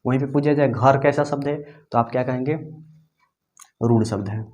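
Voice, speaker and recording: A man teaching a Hindi grammar lesson. He keeps asking the class questions and answering them himself, and slows down to dictate notes. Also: medium pitch, darkish tone, highs cut off. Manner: dictates slowly for note-taking.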